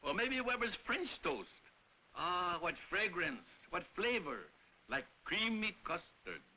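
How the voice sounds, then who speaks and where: A man playing a jolly, excitable Western sidekick in a 1950s TV commercial. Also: high-pitched, takes it slowly, heavily acted. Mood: jolly, eager. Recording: muffled old TV soundtrack.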